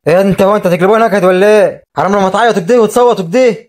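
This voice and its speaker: A man with an Egyptian accent voicing a bossy, impatient grown man in an animated drama, ordering the family out of the room. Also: sits high, rapid-fire, close to an everyday voice. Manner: commanding. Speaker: voice actor.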